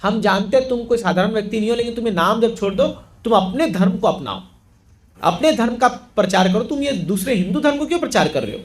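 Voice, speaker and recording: A man's voice: sits high, lively intonation, fast. A man voicing a stern ruler who presses and threatens in a retold story. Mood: demanding.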